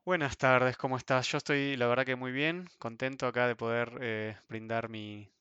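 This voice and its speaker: A young Argentine man with an Argentine Spanish accent, speaking in a casual online interview, thoughtful and hesitant, often trailing off softly. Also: medium pitch, steady tone, moderate pace, smooth, no echo, dull audio. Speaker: interview guest. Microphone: video call.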